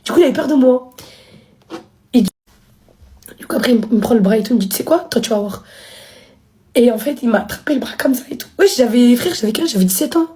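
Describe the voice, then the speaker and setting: Fast-talking young woman telling her story. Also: lively intonation, dark tone. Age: 20s. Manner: rapid slangy talk, acting out quotes with big pitch jumps. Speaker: live streamer. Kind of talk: casual storytelling on a livestream.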